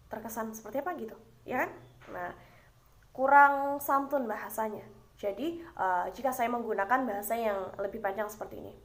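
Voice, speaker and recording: High-voiced young woman explaining a lesson. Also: fairly bright tone. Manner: explanatory, frequent rhetorical questions and "nah" fillers. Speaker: university student presenting. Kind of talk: explaining course material.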